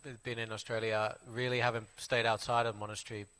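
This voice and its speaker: A man in his forties from Finland with a Finnish accent, a Buddhist monk casually introducing himself in halting English full of fillers and restarts. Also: on the low side, little pitch movement, pushed and bright, clean tone. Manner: halting, many fillers and restarts, plain friendly telling. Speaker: Buddhist monk giving a talk. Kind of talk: casual spoken self-introduction.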